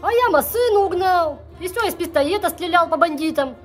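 A man voicing a cheeky, naive six-year-old boy with a childish lisp in a comedy sketch, his voice pitched up. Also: animated, a little fast, fairly bright tone, soft background music. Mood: naive, chatty.

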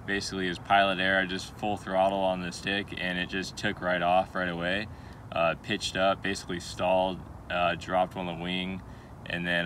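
Low, flat-voiced young man outdoors. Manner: relaxed, many filler uhs. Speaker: RC hobby channel host. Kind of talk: casual on-camera vlog talk. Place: open airfield outdoors. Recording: outdoor noise behind.

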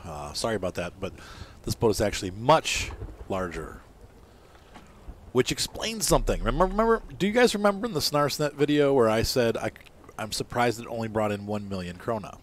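Over slight background noise, a man with a lowish voice gives casual commentary as he plays and reviews a fishing game. He often stops mid-sentence to correct himself and apologize.

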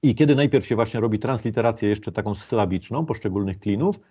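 A man delivers an informal lecture, explaining each point patiently, with plenty of hesitations and restarts. His voice is low and warm. The recording sounds dull and lo-fi. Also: quick pace, slightly rough. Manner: explanatory, with many fillers and restarts.

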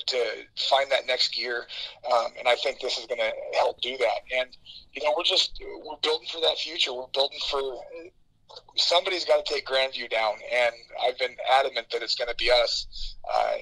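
A man's voice: mid-range voice, sharp tone. A man coaching college wrestling, talking upbeat over the phone, with many fillers and repeated words. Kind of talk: phone interview. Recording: tinny phone line.

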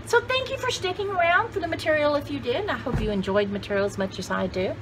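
Fast and animated in a high voice, this woman in her sixties chats casually to camera about her thrift finds. The indoor setting is a cluttered home craft room with clearly noisy home video background, and her talk is rambling, enthusiastic, and full of exclamations.

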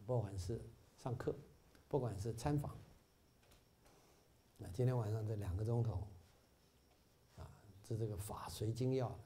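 A man's voice: mid-range voice, dark tone, a little hiss or hum. A middle-aged man giving an informal Buddhist talk to fellow volunteers, full of "ah" fillers and rising to emphatic peaks. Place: bookstore meeting hall.

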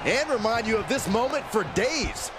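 A man calling wrestling as an excited commentator, with booming, drawn-out calls. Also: very noisy. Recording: crowd and music loud behind. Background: arena crowd and music.

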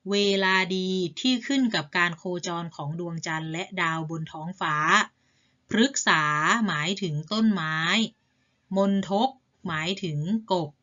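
Lady teacher explaining a reading lesson to little kids, patient and polite, low-ish bright voice. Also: dull audio. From Thailand. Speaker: primary school teacher.

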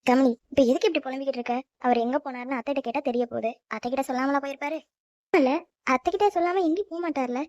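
A woman's voice: darkish tone, no echo, highs cut off, lightly acted. A woman voicing an anxious young newlywed wife who frets and pleads in a cartoon. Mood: fretful. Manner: high, quick, fretful self-talk.

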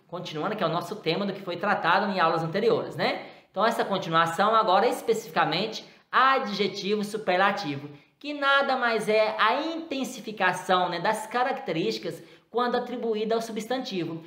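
A woman teaches a recorded grammar lesson to children. She speaks at a middle pitch, patiently explains each example and keeps checking that the class follows. The voice carries a noticeable echo from the room around her. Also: fairly bright tone.

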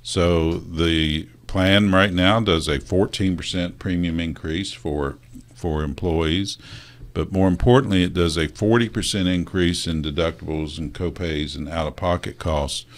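A middle-aged man from West Virginia, a union president guest on a local talk show, talking in a halting, earnest way with many restarts. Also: low voice, fairly even intonation. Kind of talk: casual studio talk show interview.

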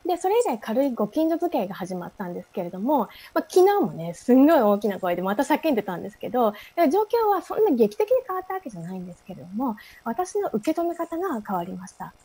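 A woman giving a prepared talk to an audience, speaking softly with frequent fillers and posing questions to listeners. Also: on the high side, sing-song, fast talker, hardly any pauses, husky.

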